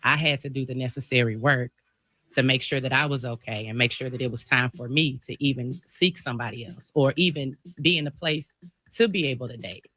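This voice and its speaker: A man's voice: mid-range voice, fairly quick, pushed and bright, dry recording. A man speaking earnestly and reflectively as a guest on a show. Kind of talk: personal talk on a show.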